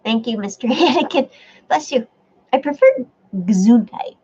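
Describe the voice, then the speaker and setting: A woman's voice: on the high side, animated, moderate pace, dark tone, husky. A woman hosting a casual live stream, reading viewer comments aloud and chatting back, with a stuffy nose. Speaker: livestream host reading chat. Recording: dull lo-fi stream audio.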